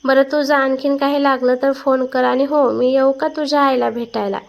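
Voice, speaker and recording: A woman reading a story aloud and voicing a calm, firm, kind young woman. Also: sits high, moderate pace, creaky. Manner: calm, then sharp.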